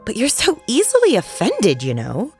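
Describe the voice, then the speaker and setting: A woman's voice: a little high, huge pitch swings, normal speed, a little mellow, faint music behind, pitched above the performer's own voice. Alice, a woman doing an earnest young girl. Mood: pleading. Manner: earnest, pleading. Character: curious polite young girl.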